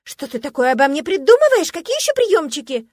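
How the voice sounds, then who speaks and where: Shrill whining mistress, jealous and spoiled, played by a woman. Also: sing-song, fairly quick, dry recording, clean studio sound. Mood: overacted outrage. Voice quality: shrill, squealing. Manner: loud, overacted whining.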